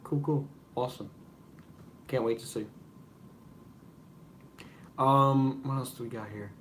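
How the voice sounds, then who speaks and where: A man's voice: mid-range voice, steady tone, slow pace, a bit bright, slight background noise. A young man hosting a casual live-stream Q&A, rambling with many fillers and apologies. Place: room at home with noise behind.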